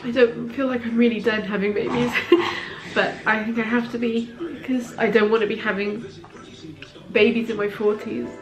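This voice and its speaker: Late-30s mum vlogger, warm-hearted chatter to camera, rambling asides; roomy home echo. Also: female voice, on the high side, fairly even intonation, normal speed. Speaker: parenting vlogger. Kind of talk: candid talk to camera.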